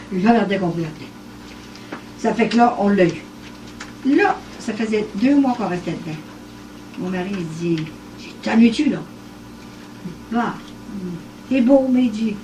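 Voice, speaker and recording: A woman's voice: mid-range voice, normal speed, long pauses, a little hiss or hum. An older woman with a Québécois accent, telling a story at a home gathering and acting out what each person said, often laughing. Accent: Québécois French. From Quebec. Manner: animated, acts out dialogue, laughs often. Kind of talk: casual storytelling. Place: living room at a private evening gathering. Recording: echoey home cassette recording from far off.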